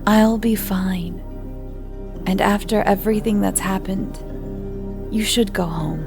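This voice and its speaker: Casting: woman playing worried, soothing relative, soft near-whisper, slow, audio story. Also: medium pitch, creaky, over music. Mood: anxious reassurance. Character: anxious older relative gently reassuring a boy. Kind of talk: dramatic storytelling.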